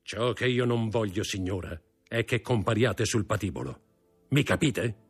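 A man's voice: lowish voice, lively intonation, normal speed, husky, full character voice. A man reading an audiobook, voicing a stern magistrate who coldly accuses his wife. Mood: cold accusing. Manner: cold, accusing, contemptuous.

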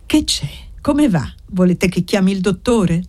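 A woman's voice: on the low side, moderate pace, darkish tone. A woman doing a pushy young male servant. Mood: coaxing. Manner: pleading, insistent.

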